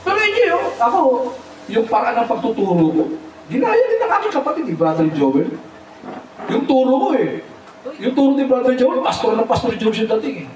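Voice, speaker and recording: Animated pastor preaching in an echoey hall. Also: male voice, very high voice, brisk, recorded from a distance, background noise. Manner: animated, mixes English phrases, says amen often. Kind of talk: Tagalog sermon with humor. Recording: echoey hall, mic from afar.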